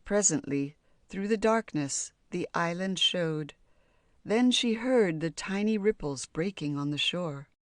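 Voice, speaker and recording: A woman narrating a children's fairy tale audiobook in a calm, measured storybook voice. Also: on the low side, no room sound, clean studio sound.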